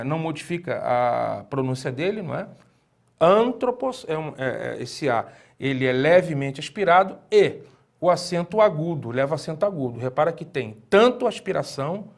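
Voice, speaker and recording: Teaching a language lesson without hurrying, a Greek teacher speaks in a fairly high male voice. Patient in his explanations, he throws rhetorical questions at the viewer and says important words again slowly for emphasis.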